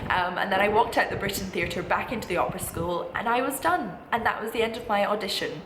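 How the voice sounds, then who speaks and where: Speaking fast in a slightly bright, mid-range voice, this twentysomething woman gives casual, upbeat, emphatic advice directly to her audience as a student vlogger. The room is echoey, and background noise is clearly audible.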